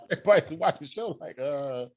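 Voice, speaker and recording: A man's voice: fairly high pitch, a little hiss or hum. A man hosting a casual live-stream show, playful and teasing with loose slangy talk. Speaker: show host.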